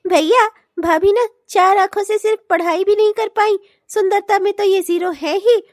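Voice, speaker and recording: A woman's voice: very high voice, measured pace, a little mellow, no echo, studio quality. A woman voicing a bratty teenage sister-in-law in a comic cartoon, teasing and sarcastic with frequent giggles. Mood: taunting.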